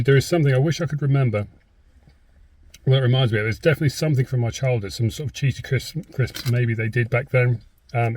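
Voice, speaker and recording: British male food reviewer, husky mid-pitched voice, hesitant rambling casual chat, recorded in a car. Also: no echo. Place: inside a parked car.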